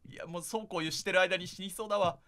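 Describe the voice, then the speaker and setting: A man's voice: high voice, steady tone, fast, bright, forceful tone. A man doing casual, chatty gameplay commentary for viewers, sounding jittery as he goes. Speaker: gaming streamer.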